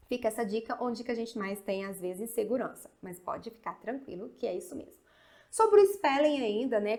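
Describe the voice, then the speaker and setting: A woman from Brazil teaching an English lesson. She spells letters slowly, speeds up when she explains, and keeps checking in with her students. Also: on the high side. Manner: slow spelling drills with frequent "tá?" check-ins. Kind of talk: video lesson.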